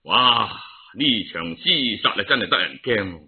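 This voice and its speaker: Expressive and unhurried, a lowish male voice with a Cantonese accent recounts a traditional story, full of exclamations in a colloquial, theatrical, dramatic manner. The recording sounds thin and tinny, as if over a phone.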